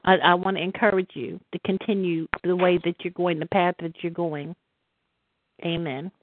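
A woman's voice: fairly low pitch, fairly even intonation, normal speed, a little hiss or hum. A middle-aged woman on a church prayer call, speaking earnestly with stammered restarts, heard over the phone. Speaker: caller on a prayer line. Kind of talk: spoken encouragement in a church call. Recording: tinny dry phone line.

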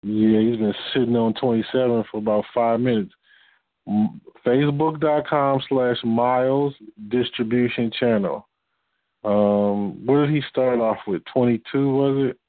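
A man who is short of breath, hosting an unscripted motivational group talk in a halting, earnest way. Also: mid-range voice, fairly even intonation, dry recording, narrow, tinny audio. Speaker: host coaching on marketing and fundraising.

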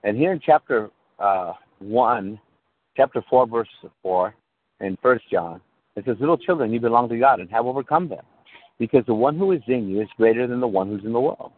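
A man's voice: medium pitch, expressive, moderate pace. A male pastor preaching a sermon over a call, checking in with his listeners and restarting phrases as he goes. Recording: tinny call line that breaks up.

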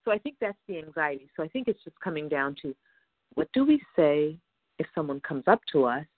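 A woman's voice: sits low, dry recording. A woman on a phone call, talking anxiously in long, rambling stretches. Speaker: caller seeking advice. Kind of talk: phone conversation. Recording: tinny phone line, dry.

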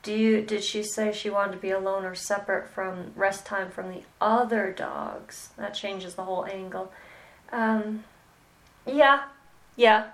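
A woman mentoring a student in animal communication, talking slowly and hesitantly with many pauses and "okay"s. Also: mid-range voice, fairly even intonation, poor audio. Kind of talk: mentoring session.

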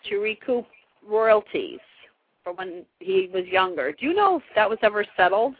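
A woman's voice: mid-range voice, big pitch swings, moderate pace, breathy edge, dry recording. A young woman, a student, calls in over a speakerphone. She asks polite questions and gives brief replies. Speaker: student caller. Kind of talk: call-in questions. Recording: tinny speakerphone line, dry.

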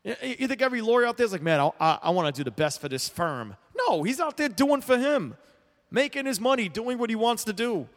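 This sports talk host has a somewhat high voice with a bit of brightness and a blunt, opinionated style. His talk wanders, with restarts and repeated words, and a long echoing reverb hangs over the audio.

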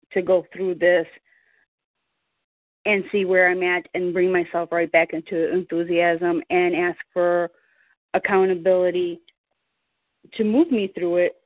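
Woman on a coaching call, lowish voice, slow, restarts a lot, tinny phone line. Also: no echo. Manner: slow, searching for words. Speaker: coaching student.

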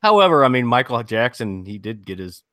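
A man co-hosting a casual podcast, relaxed and prone to laughing. His voice moves lively up and down, and the recording is dry and close. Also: medium pitch, a little fast, no room sound. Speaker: podcast co-host. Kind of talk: casual chat.

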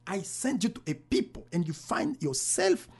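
A man's voice: high voice, huge pitch swings, moderate pace, husky, pitched above the performer's own voice, exaggerated voice. A man quoting God as a solemn, commanding voice while recounting a vision. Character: God speaking, commanding and stern, male.

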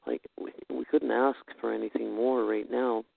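A man chatting casually and earnestly, in a halting, thoughtful way. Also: mid-range voice, steady tone, creaky, no echo. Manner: halting, earnest, says "eh" and "you know". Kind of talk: casual heartfelt chat about faith. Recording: tinny phone-line sound.

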